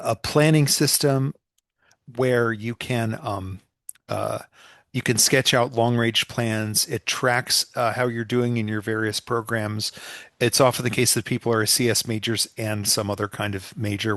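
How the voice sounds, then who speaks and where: Male advisor, slightly low voice, plain explanatory tone, dry recording. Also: a bit bright, no room sound. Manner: plain explanatory, some fillers. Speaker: computer science major advisor. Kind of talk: online info session explanation.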